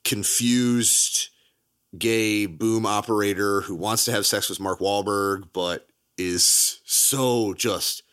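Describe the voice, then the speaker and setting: A man co-hosting a casual movie podcast, laughing often and bursting into animated asides. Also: on the low side, takes it slowly, smooth. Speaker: podcast co-host.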